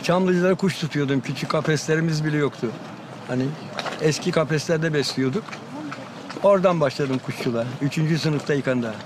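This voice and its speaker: A man's voice: fairly high pitch, fairly quick. A man who keeps songbirds, talking casually and imitating their calls with chirping syllables. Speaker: bird keeper. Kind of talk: casual chat. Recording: noisy outdoor recording.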